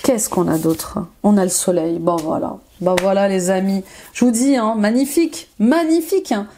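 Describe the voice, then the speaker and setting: Encouraging woman giving a mellow tarot reading. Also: mid-range voice, steady tone, moderate pace, a little hiss or hum. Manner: encouraging, repeats affirmations, many fillers; enthusiastic, exclaims often. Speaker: intuitive life coach doing tarot readings. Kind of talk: tarot card reading for viewers.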